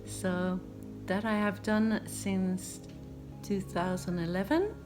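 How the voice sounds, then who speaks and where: A woman in her fifties from Sweden with a Swedish accent, a non-native English speaker, answering viewer questions in a relaxed vlog with many pauses and ums. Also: medium pitch, over music. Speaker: home renovation YouTuber. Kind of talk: casual Q and A vlog.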